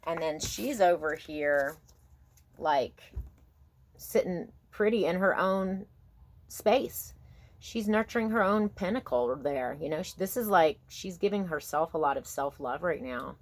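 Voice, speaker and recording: A woman giving a casual, intimate tarot reading, thinking aloud in a halting, musing way and often checking in with the listener. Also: fairly low pitch, animated. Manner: musing, halting, asks herself questions and checks in with "okay?". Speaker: tarot card reader.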